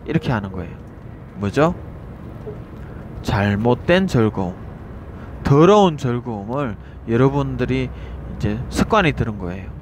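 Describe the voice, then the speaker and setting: A man's voice: mid-range voice, expressive, moderate pace, long pauses, slight background noise. A man preaching a street sermon, earnest and repetitive, asking the crowd rhetorical questions.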